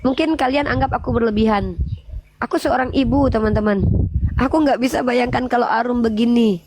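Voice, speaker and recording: A woman's voice: on the high side, brisk, noisy background. Emotional Indonesian mother praying aloud. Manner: emotional, pleading, prays aloud. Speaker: debate channel regular. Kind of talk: emotional prayer and chat on a live debate call.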